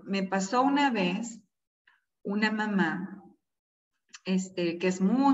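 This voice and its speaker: A woman leading an online parenting class, talking conversationally with many fillers and often checking in with her listeners. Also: mid-range voice. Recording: distant, echoey, dull sound.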